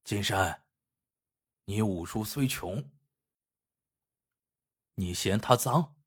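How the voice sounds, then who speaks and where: A male storyteller voicing a poor old village uncle who speaks low, calm and earnest. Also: very slow, breathy edge, full character voice.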